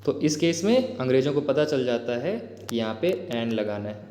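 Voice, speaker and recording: With a mellow, expressive, medium-pitched voice and an Indian accent, this teacher explains grammar for exam prep. Addressing viewers as "bhai" and frequently asking "theek hai?", he reads English examples slowly and deliberately as long reverb rings through the echoey room.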